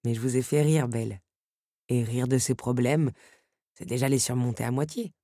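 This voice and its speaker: A woman's voice: a bass voice, steady tone, moderate pace, mellow, no room sound, pitched below the performer's own voice. A woman voicing a young duke who speaks to a friend in a dry, teasing and earnest way. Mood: gentle reassurance.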